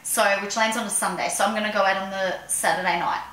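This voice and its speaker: An Australian woman co-hosting a casual chat, quick to agree and chiming in often. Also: medium pitch, steady tone, fairly bright tone. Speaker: co-host. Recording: echoey room.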